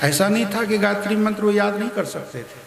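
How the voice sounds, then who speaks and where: A man telling a devotional scripture story in a measured, emphatic storytelling manner. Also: high-pitched, creaky, a little hiss or hum. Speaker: kathavachak, religious storyteller. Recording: echoey hall with faint music.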